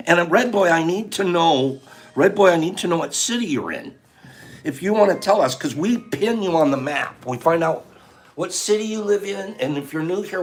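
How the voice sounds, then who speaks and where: A man hosting a casual livestream, chatty and animated as he reads out viewer names and runs a guessing game. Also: sits high. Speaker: livestream host.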